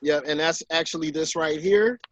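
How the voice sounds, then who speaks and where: Man, 40s, talk-show guest author; slightly higher voice, dry recording, lively storytelling. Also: normal speed, no room sound. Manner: animated storyteller who acts out quotes in higher voices. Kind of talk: casual conversation.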